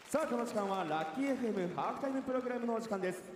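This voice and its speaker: Brief: high, lively male arena announcer, heavy reverb from a huge hall. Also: very fast, slight background noise. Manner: upbeat, announcer-style. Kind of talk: halftime show introduction. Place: basketball arena. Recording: booming echo in a large hall.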